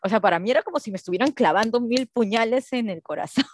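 A woman chatting casually, telling animated stories and acting out the voices of the people in them. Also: on the high side, fast, slight background noise. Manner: animated storytelling, acts out quotes, laughs often. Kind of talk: casual chat.

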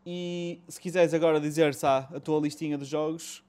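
A clean, darkish, fairly high voice with fairly even intonation belongs to this host, who speaks at a moderate pace with a European Portuguese accent. In his casual retro gaming chat he's slangy and colloquial, cursing and mixing in English.

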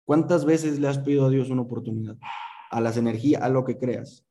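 A man's voice: mid-range voice, little pitch movement, fairly quick, mellow, slight background noise. A man giving a motivational speech to his sales team on a group call, emphatic and full of rhetorical questions, with some swearing.

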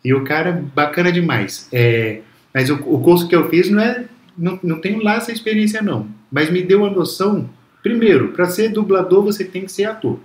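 A man talks as a guest in a relaxed chat, his voice sitting a bit high. He tells stories reflectively and often restarts his sentences. The sound comes back off the walls of the room. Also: brisk, hardly any pauses, echoey room. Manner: reflective, storytelling, frequent restarts. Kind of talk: casual conversation.

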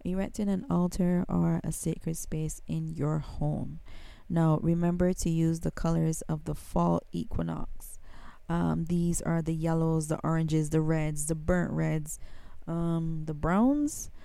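A Barbadian woman speaking in a lowish, gravelly voice with a mellow, relaxed tone. She chats casually to her viewers, calling them guys and filling pauses with ums. The sound is dry and close. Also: dry recording. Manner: chatty, addresses viewers as guys, many ums. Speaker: spiritual vlogger. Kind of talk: casual spiritual talk.

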